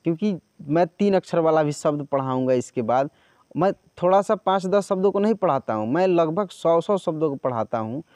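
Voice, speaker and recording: A man teaching Hindi reading, saying each word twice in a drawn-out way and then explaining in quick chatty asides. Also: fairly high pitch, dark tone, no room sound, studio quality.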